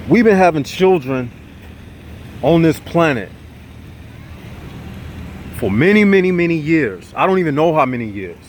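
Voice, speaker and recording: Hosting his own channel, a man talks directly to his viewers, calling them y'all, in a casual, preachy, animated way with a lilt. His fairly high voice is slightly nasal as he gets over congestion from a cold, and he speaks a bit slowly with frequent pauses over slight background noise.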